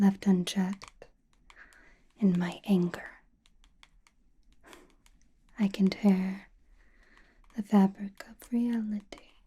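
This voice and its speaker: A woman acts out a mysterious, confident witch telling fortunes in an ASMR roleplay. The voice is a very breathy, airy whisper, slow and even. It lingers in thoughtful pauses and stays soothing throughout. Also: mid-range voice.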